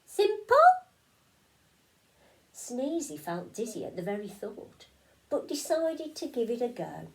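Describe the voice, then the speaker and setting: A woman teacher with a British accent reading a children's story aloud, expressive and playful. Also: on the high side, normal speed, creaky, poor audio.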